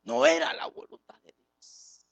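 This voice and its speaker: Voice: unhurried, fairly bright tone, dry recording, muffled recording. A preacher giving a sermon, speaking with passion, acting out the dialogue of biblical figures and questioning the congregation directly. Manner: impassioned, acts out biblical dialogue. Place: church service, streamed live.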